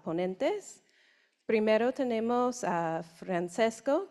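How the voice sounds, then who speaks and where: On stage in a conference room, a woman in her forties introduces panelists through a handheld mic, her voice lowish and a little mellow. Described as a non-native speaker whose first language is English, she is hesitant and halting, speaking slowly with restarts.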